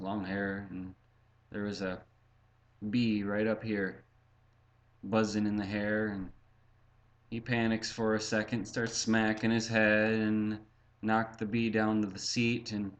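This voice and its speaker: A man recounting his own past in a halting, reflective way, full of fillers and restarts, often speaking of himself in the third person. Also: fairly low pitch. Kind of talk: personal storytelling.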